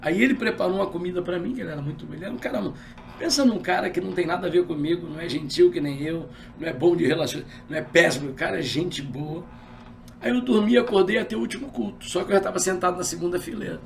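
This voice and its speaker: Um pastor de meia-idade, homem com sotaque carioca, contando seu testemunho numa entrevista de forma animada e dramatizando os diálogos. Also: male voice, high voice, fast, vocal fry, distant mic, a little hiss or hum. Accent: carioca Brazilian Portuguese. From Rio de Janeiro. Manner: animated storyteller, acts out dialogue. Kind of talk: personal testimony in an interview.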